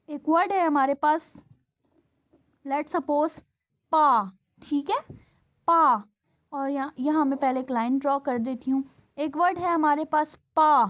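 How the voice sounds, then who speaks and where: A woman teaching a shorthand class, patiently explaining, drawing out sounds and often checking if students follow. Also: sits high. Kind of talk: classroom lesson.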